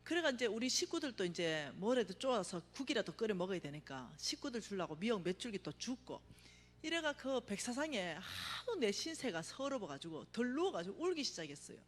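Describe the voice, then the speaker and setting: A middle-aged woman giving a testimony sermon at a revival meeting, telling her story with vivid acted-out cries and sudden hushed asides. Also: medium pitch, brisk. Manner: animated storytelling, acts out her own cries, drops to a hush for emphasis. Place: church sanctuary. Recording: reverberant church hall.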